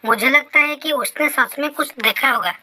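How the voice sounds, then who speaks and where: A woman's voice: high voice, moderate pace, bright, forceful tone. A woman voicing a cautious, timid teenage boy in a Hindi horror story who worries and pleads. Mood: worried.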